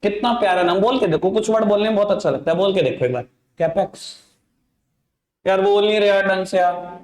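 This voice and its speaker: A man's voice: high voice, rapid-fire, darkish tone, roomy sound. A male accounting teacher giving an online class lecture in speech, playful and teasing as he talks straight to his students.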